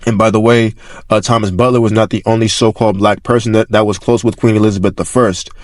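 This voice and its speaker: This narrator's voice is on the low side, flat and quick, with no room sound. He presents archive records, reading them aloud informally and explaining as he goes while often repeating and rephrasing.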